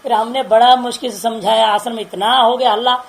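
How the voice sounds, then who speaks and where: A woman's voice: fairly high pitch, steady tone, a little fast, low-quality recording. A woman spiritual teacher giving an informal religious discourse, chatty and laughing, often checking with listeners through rhetorical questions.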